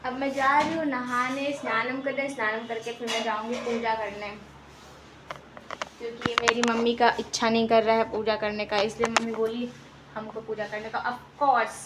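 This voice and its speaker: A woman's voice: fairly high pitch, flat delivery, moderate pace. A young woman vlogging at home in casual chat, teasing and playful. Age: young adult. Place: home, indoors. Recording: home recording with clear background noise.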